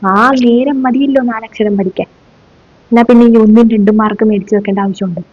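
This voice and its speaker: A woman's voice: medium pitch, quick pace, mellow, no room sound, natural voice. A woman in a comic sketch playing a stern, sarcastic middle-aged female schoolteacher, who scolds her class with mocking rhetorical questions. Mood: scolding. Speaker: sketch comedian. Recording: dull dry lo-fi recording.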